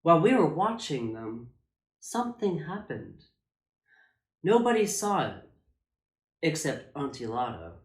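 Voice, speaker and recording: A man reading a children's picture book aloud as a drag storytime reader, with theatrical, emphatic phrasing and dramatic pauses. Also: fairly high pitch, very animated. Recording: echoey room.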